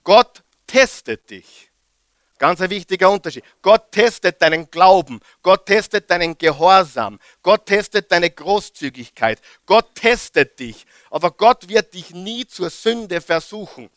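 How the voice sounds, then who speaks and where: A man preaching a lively sermon, often asking the congregation questions. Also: high voice, a little slow, dry recording, studio quality. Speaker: pastor.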